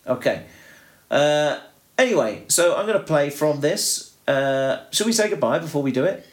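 A man's voice: on the high side, lively intonation, normal speed. A man from the UK co-hosting a podcast in casual chat, rambling along with restarts and fillers. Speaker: podcast co-host.

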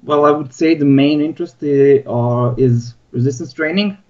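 A young adult man from Bosnia with a Balkan accent chats casually as a podcast guest, speaking as a sports science researcher. His voice sits on the high side, a little mellow, at a moderate pace. He's on a remote Skype call, and the audio is dull, lo-fi internet call quality.

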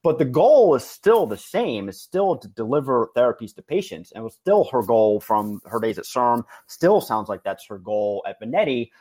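A man hosting a podcast, explaining things conversationally with halting, repeated words. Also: mid-range voice, very animated, dark tone, breathy edge. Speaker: podcast host.

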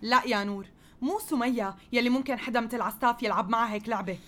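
A woman with a Levantine Arabic accent, voicing a proud businesswoman who refuses to yield, played by an actress. She speaks fast, sure of herself, in a fairly high voice. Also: a bit bright, lightly acted. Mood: defiant. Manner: firm, self-assured.

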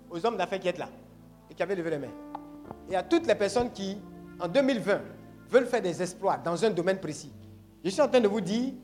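A man preaching a sermon to a congregation, emphatic and repetitive, calling on the audience to say amen. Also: high-pitched. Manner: call-and-response, asks congregation to say Amen; emphatic, repeats phrases.

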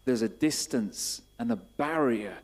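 A man preaching a sermon, asking repeated questions and building to emphatic, louder bursts. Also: mid-range voice, lively intonation, measured pace.

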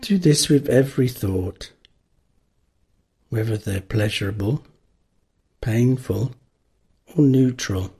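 Slow, husky male meditation guide. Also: medium pitch. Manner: calm, unhurried, gently instructing with long pauses.

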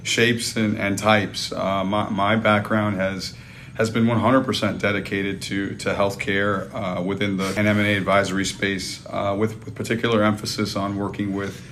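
A man speaking as a podcast guest in a professional interview, with halting, measured phrasing. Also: fairly low pitch, level tone, a bit bright, a little hiss or hum. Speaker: podcast guest, investment banker.

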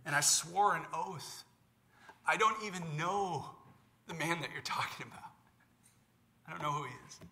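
A preacher voicing a remorseful apostle. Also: male voice, a little high, pushed and bright. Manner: halting, emotional first-person retelling. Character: remorseful male apostle confessing his denial. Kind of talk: dramatized scripture in sermon.

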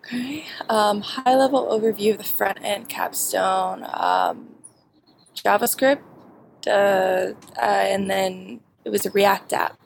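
Young woman w/ a bit of vocal fry, lots of ums, answering an interviewer, slight hiss behind. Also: mid-range voice, steady tone. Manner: halting, many fillers, laughs often. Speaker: bootcamp graduate.

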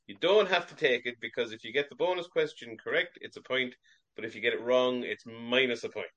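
Guy running a sports quiz on a video call, steady, reads questions out carefully. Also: mid-range voice, a little fast, muffled recording. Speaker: quiz master.

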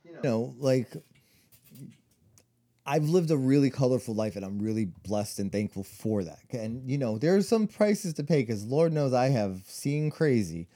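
Rambling, dark-voiced man telling stories. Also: medium pitch, animated, a little slow. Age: 40s. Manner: rambling storyteller full of "like" and "you know". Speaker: podcast co-host. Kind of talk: casual chat, storytelling.

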